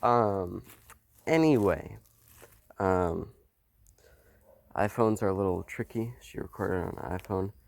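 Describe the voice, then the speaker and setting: A young man explaining his truck repair in a casual vlog, halting and full of ums, filming outdoors on a phone. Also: sits low, creaky, darkish tone. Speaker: homesteading vlogger. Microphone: phone held while filming.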